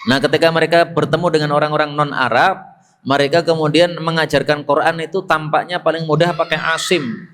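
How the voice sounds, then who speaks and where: A man with a Javanese accent preaching at a mosque, telling stories in a relaxed way with joking asides in local speech. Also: on the high side, brisk. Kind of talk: mosque study sermon.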